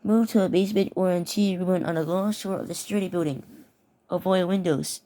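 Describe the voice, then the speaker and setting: With a fairly low, dark voice and a steady tone, she rushes through mock severe weather warnings, stopping to comment along the way. She often stumbles and says words twice.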